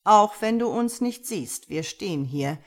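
A woman voicing a dominant, controlling man who gives cold, measured commands, with a husky voice and a slow delivery. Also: mid-range voice, animated, pitched above the performer's own voice. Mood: commanding.

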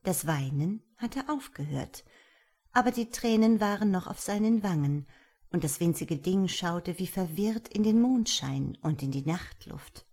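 A woman reads a fairy tale aloud, measured and expressive. Her pitch moves in a lively, wide melody as she tells the story. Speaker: narrator. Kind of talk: storybook reading.

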